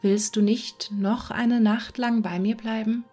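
A woman voicing a selfless, sorrowful prince statue in a whispered role-play, gentle in manner. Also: on the high side, fairly even intonation, measured pace, soft background music.

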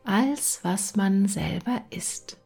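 A woman's voice: mid-range voice, very slow, mellow, husky, faint music behind, heavily acted. A woman voicing a sly, greedy cat. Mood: smug. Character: greedy, sly female cat, sweet-talking and threatening. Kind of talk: storybook reading.

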